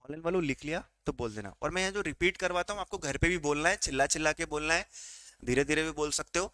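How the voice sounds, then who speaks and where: Indian man, tax lecturer, smooth clear voice, dry close sound, quizzes the class. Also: a little high, fast talker, pushed and bright, no room sound. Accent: Indian English. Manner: quizzing students, answering his own questions.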